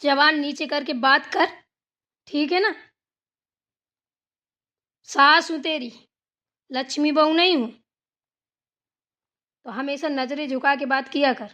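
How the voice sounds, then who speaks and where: A woman's voice: high-pitched, steady tone, slow, long pauses, sharp tone, dull audio, heavily acted. A woman voicing a bossy, irritable mother-in-law in a Hindi cartoon, scolding her daughter-in-law. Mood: commanding. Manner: scolding, bossy, repeats "theek hai na". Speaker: voice actor.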